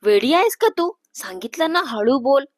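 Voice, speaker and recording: A woman voicing a bashful young woman, the elder sister, who speaks in a low, careful hush in a storybook reading. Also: a little slow, no echo, studio quality, natural voice. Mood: scolding. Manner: hushed, bashful, cautious.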